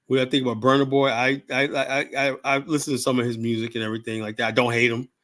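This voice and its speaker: A man's voice: mid-range voice, little pitch movement, fast, a bit bright. An older man in his seventies hosts a casual live stream. He rambles from one point to the next and speaks bluntly, with plenty of profanity and a habitual "you know?" at the end of his thoughts. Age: 70s. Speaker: livestream host.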